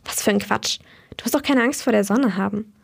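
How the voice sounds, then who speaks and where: A woman's voice: mid-range voice, fairly quick, vocal fry, husky. A young woman voicing a blunt, cheerful teenage girl in a read-aloud story. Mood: frank. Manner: frank, upbeat.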